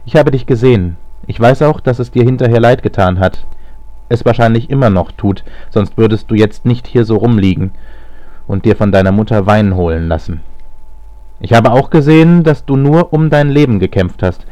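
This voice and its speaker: A man voicing a calm young nephew who serves as chronicler, speaking steadily in an audiobook reading. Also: medium pitch, moderate pace, dry recording, lightly acted. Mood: insistent. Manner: calm and even, growing insistent. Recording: slightly lo-fi audio.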